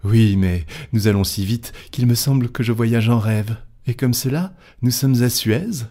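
A man voicing a chatty, excitable young French manservant in an audiobook, talking eagerly and fast. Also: medium pitch, pitched above the performer's own voice, natural voice. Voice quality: eager, quick, talkative. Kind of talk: audiobook character voice.

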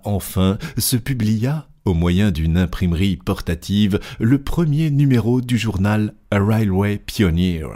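Deep, slow-reading male narrator. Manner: steady, deliberate storytelling. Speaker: audiobook narrator. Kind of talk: scripted narration.

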